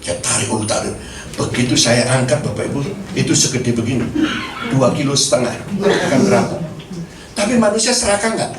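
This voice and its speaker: A middle-aged man, preaching and telling a lively personal story, acting out the dialogue. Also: mid-range voice, a little fast, distant mic. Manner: storytelling, animated, acts out dialogue, laughs often. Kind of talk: sermon with personal testimony. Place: church hall. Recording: echoey hall, mic from afar, faint noise.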